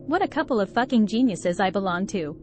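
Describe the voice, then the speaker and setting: A woman's voice: mid-range voice, expressive, a little fast, darkish tone. A woman narrating a first-person horror story with a tense, dramatic delivery. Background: faint background music.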